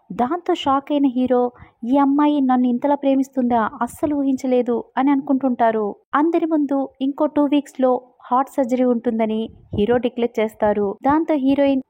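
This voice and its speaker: A woman with a high-sitting voice recaps the plot of a romance drama like a storyteller, voicing the characters' lines along the way. The recording is dry, with a thin, tinny sound like a phone.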